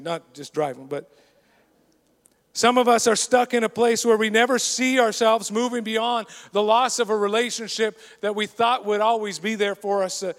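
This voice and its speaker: A man's voice: sits high, fairly bright tone. A man preaching a sermon in an earnest, conversational storytelling way. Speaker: pastor. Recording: long reverb of a large hall.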